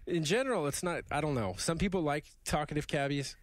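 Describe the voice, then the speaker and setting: A man's voice: fairly high pitch, a little fast, no room sound. A man co-hosting a podcast, telling a story in a loose, rambling way. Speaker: podcast co-host. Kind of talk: casual chat.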